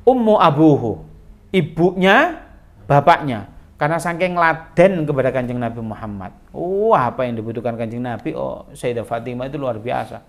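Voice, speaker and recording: A male preacher, telling a story in a sermon, animated and acting out the quotes. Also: mid-range voice, moderate pace. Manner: animated, acts out quotes, mixes in Javanese words.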